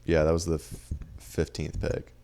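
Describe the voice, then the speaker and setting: A young man co-hosts a podcast in easygoing chat, with dry, teasing banter. His voice sits very low and carries a gravelly fry. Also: monotone, moderate pace, mellow, a little hiss or hum. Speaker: podcast co-host. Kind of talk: casual chat.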